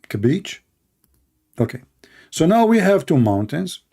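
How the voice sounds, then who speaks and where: Guy making fun of stuff, warm mellow voice, fairly high. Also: big pitch swings, unhurried, gravelly, slightly rough. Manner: mocking, sarcastic. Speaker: video host. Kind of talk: comedic commentary.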